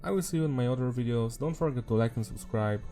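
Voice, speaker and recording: A man's voice: medium pitch, quick pace, mellow, soft background music. A man with a sore, sick-sounding swollen throat giving casual, rambling, informal commentary as a video host. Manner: informal, mild swearing. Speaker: anime review video host.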